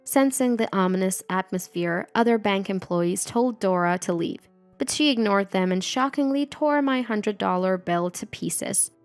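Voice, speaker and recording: Woman narrator, scripted first-person story, mid-pitched, even delivery, faint music bed.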